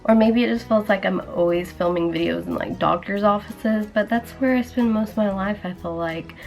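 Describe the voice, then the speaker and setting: A young woman vlogging in a casual, chatty way, filling her talk with "like", her voice still rough from the morning. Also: medium pitch, moderate pace, a little mellow, faint music behind. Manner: chatty, many "like" fillers. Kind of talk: casual vlog chat. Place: indoors at home, then a hospital.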